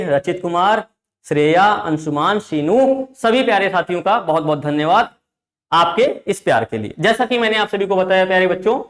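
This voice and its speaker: Emphatic high-voiced man teaching in an echoey room. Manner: emphatic, repeats phrases, often calls listeners "dear children". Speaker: online tutor. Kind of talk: live online class.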